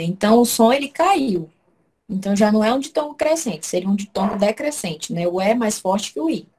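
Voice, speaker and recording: A woman's voice: mid-range voice, darkish tone. A woman teaching Portuguese in an online class, explaining step by step and checking in often with her students.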